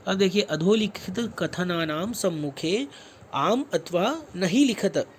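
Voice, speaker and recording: High-voiced, slow-paced male teacher. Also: animated, a little hiss or hum. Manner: spells words out sound by sound, asks and answers his own questions. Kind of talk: classroom lesson explanation.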